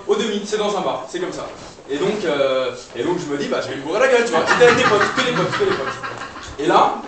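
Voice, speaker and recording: A young man with a high voice improvises stand-up on a live stage, rambling casually with fillers and restarts. He sounds far from the mic, and the room rings with heavy echo and a steady layer of noise. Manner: loose, chatty, frequent fillers and restarts. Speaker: stand-up comedian. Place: live comedy stage before an audience.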